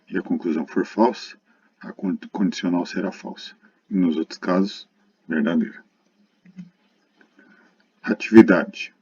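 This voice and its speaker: Speaking straight to his students, a Brazilian man teaches math in a recorded, explanatory lesson. He has a low-pitched, warm, husky voice, muffled by a dull lo-fi recording.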